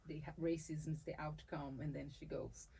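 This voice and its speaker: Her voice is low, gravelly and mellow, with fairly even intonation at normal speed, and there is slight background noise. She is a Brazilian woman from Salvador, Bahia, whose first language is Portuguese, speaking with a Brazilian accent. A dancer and capoeira teacher in a conversational interview, she is thoughtful, often restarting phrases and laughing easily.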